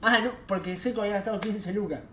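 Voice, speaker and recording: Young Argentine guy with a high voice. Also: quick pace. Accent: Argentine Rioplatense Spanish. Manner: animated, slangy, laughs as he tells it. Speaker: streamer telling an anecdote. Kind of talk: casual storytelling.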